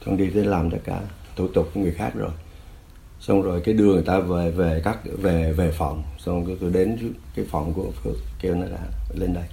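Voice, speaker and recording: Gravelly low-voiced older man. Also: steady tone, quick pace, warm tone, a little hiss or hum. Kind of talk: personal testimony storytelling.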